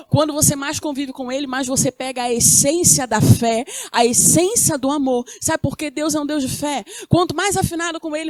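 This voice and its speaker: A woman's voice: high-pitched, darkish tone, no echo, clean studio sound. A woman from Rio de Janeiro with a Carioca accent, preaching a sermon who asks the congregation questions and answers them herself. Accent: Carioca Brazilian Portuguese. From Rio de Janeiro, Brazil.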